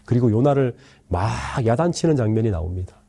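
A male pastor giving an earnest sermon, pleading with the congregation and letting his sentence endings fall soft and low. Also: lively intonation, fairly quick, slightly rough.

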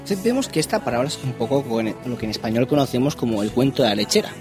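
A male radio host asking a guest questions on behalf of the listeners, with music clearly behind him. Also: medium pitch, sing-song, quick pace.

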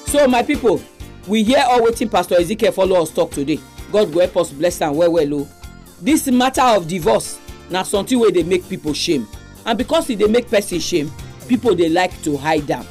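A woman's voice: lowish voice, lively intonation, brisk, a little mellow. Nigerian woman hosting radio, music behind. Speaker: radio program host. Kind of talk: radio presenting and exhortation.

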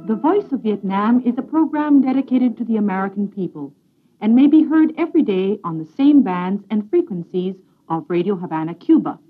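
A woman radio announcer heard on an old 1968 broadcast recording, reading formal station announcements slowly and deliberately. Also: medium pitch, lively intonation, phone-quality sound. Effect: old 1968 shortwave radio recording.

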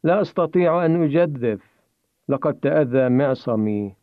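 A man's voice: mid-range voice, lively intonation, moderate pace, no echo, natural voice. A hurt young rafter pushes out each line with effort, as a male narrator puts him on. His voice sits a little above the storyteller's plain reading. It is dry and thin, like a phone line. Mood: strained. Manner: forcing words out with difficulty. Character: injured young man, strained and hesitant. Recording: tinny phone-like dry recording.

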